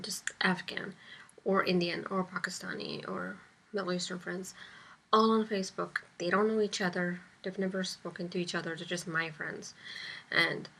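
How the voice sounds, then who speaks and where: A woman's voice: medium pitch, a bit bright. A sleepy-sounding woman giving casual political commentary to camera, rambling with many ums and dropping into whispery asides. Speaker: vlogger and public access show host.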